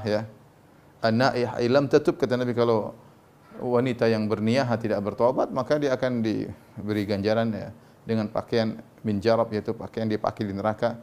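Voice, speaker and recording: A man delivers a sermon at an ordinary middle pitch. His talk is loose and conversational, studded with short affirming tags, and it climbs steeply whenever he stresses a point. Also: a little mellow. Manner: conversational, frequent "ya" tags, rising emphatic peaks. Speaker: Islamic preacher. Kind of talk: sermon lecture.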